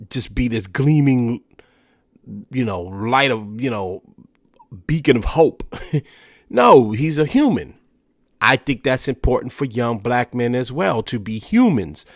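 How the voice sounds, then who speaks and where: Recorded dry and clean in a studio, a medium-pitched male podcast host offers casual solo commentary. Allergies leave him slightly stuffy and nasal, and his conversational talk is packed with "you know" and false starts.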